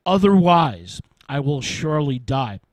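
A desperate young wife, hungry and pleading, as a male narrator voices her. The voice stays a touch high and unhurried. Dry, close radio-story sound. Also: very animated, no room sound, rough recording.

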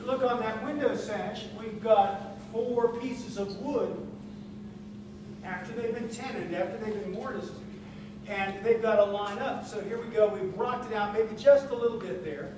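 A man teaching woodworking to a live audience in a large conference room, lively and teasing, quizzing the room as he demonstrates. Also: sits high, measured pace. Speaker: woodworking instructor. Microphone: far camera. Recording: echoey hall, far mic, loud room noise.

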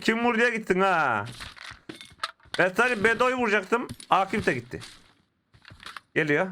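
A man's voice: high-pitched, heavy background noise. A young man from Turkey commentating a mobile shooter game, talking with a slight lisp from dental braces and exclaiming at the action. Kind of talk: casual gameplay commentary. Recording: gameplay audio and gunfire behind.

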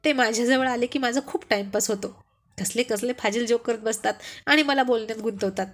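A woman's voice: on the high side, brisk, natural voice. Woman reading as a coaxing young housewife. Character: busy young housewife preparing festival sweets.

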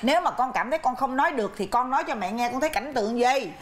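An actress playing an excitable, scolding mother of grown daughters, in a family sitcom. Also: sits high, racing, crowd noise. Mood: exasperated. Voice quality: scolding, exclamatory, laughing through lines. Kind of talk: sitcom acting.

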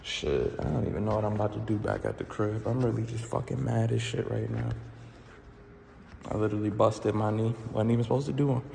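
A man's voice: lowish voice, fairly even intonation, a little fast, creaky, warm tone, a little hiss or hum. A man in his twenties vlogging casually in a gym on a phone, rambling and swearing in frustration. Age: 20s. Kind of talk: casual vlog. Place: large indoor gym. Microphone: phone held low at arm's length. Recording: echoey gym room.

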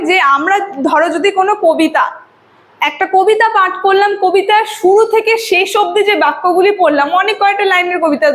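A woman teacher with a very high voice leads an online class. She explains each point step by step and dictates definitions for students to copy down. She checks in often with a quick "okay?". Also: a bit bright. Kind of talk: online lecture.

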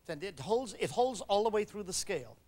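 A man leading a choral workshop, coaching singers with quick commands and questions. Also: high-pitched, big pitch swings, loud music behind the voice. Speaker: choral conductor teaching a workshop. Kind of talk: instructional workshop talk.

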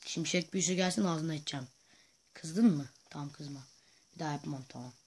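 A male gaming host giving playful, excitable commentary over his own gameplay, often chanting silly repeated sounds. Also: on the high side, a little fast, husky.

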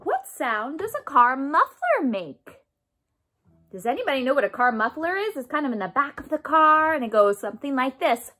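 Very high, broad singsong woman teaching kids. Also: moderate pace. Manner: broad singsong delivery, theatrical, as to small children; animated, questioning, encouraging call-and-response. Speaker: children's music teacher. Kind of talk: interactive music lesson for young children. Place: small home room, indoors. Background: acoustic guitar she plays.

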